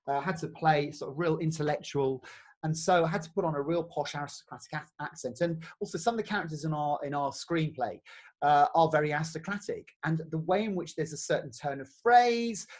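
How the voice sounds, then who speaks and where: Man, English, fairly high-pitched, rambling and friendly, leading an acting workshop. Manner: chatty, many fillers and restarts, laughs easily. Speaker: theatre workshop leader. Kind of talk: casual acting workshop talk.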